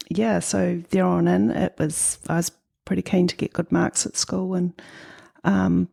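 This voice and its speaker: Vocal fry colors the lowish, mellow, slightly rough voice of this middle-aged woman from New Zealand. As a guest artist with a New Zealand accent, she answers the interviewer thoughtfully, hesitating with many ums.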